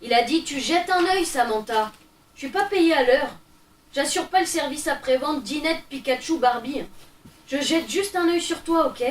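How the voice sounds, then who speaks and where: A woman playing a sarcastic thirteen-year-old girl who is fed up with babysitting, impatient and cutting. Her voice sits high, heard from a distance in a roomy space with faint noise. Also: lively intonation, normal speed. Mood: irritated. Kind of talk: stage play reading.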